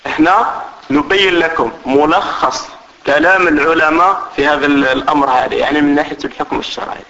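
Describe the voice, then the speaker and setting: A man's voice: a little high, a little fast, bright, forceful tone, highs cut off. Man teaching with an Algerian Arabic accent. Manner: explanatory, repeats points and checks understanding. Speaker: religious teacher. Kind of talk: religious lesson.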